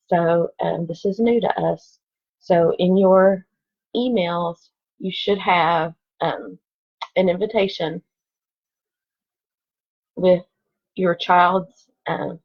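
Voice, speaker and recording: A low-voiced woman with vocal fry, who teaches second grade, records herself at home reading to children online in lo-fi quality. She reads the story expressively and chats between lines.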